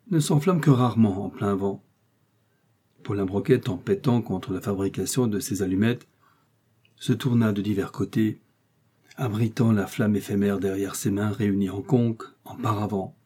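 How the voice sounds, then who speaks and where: A man reading a novel aloud as an audiobook narrator, with a measured storytelling delivery. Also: fairly low pitch, warm tone, husky. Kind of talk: scripted narration.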